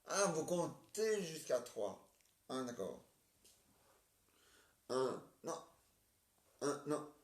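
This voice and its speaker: A man acting out a comic play and switching between roles, halting and stammering as he repeats his words. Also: on the high side, sing-song. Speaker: amateur stage performer. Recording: roomy, distant mic.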